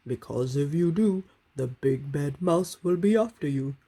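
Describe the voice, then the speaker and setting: Woman doing a big slow storybook monster dad, grave and ominous, husky voice. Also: sits low, animated, warm tone, full character voice. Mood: ominous warning. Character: big slow father monster, gravely warning his child.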